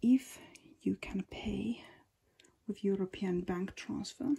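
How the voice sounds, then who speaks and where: A husky-voiced Finnish collector, mid-range in pitch, walks through her home display cabinets in a casual narrated tour. Her speech is soft, often whispered, slow, and sprinkled with ums.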